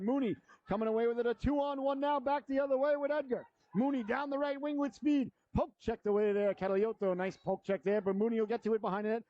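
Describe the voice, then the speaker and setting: A middle-aged man calling live hockey play-by-play as an announcer, folksy and excitable, with colourful slang. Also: sits high, dry recording, highs cut off.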